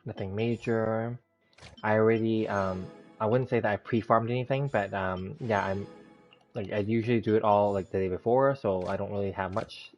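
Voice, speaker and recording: This fairly low-voiced man keeps his intonation fairly even and his pace moderate while casually hosting a game livestream. He narrates every step in a rambling way, lisping slightly like someone who just bit his tongue, over music in a dull, lo-fi recording.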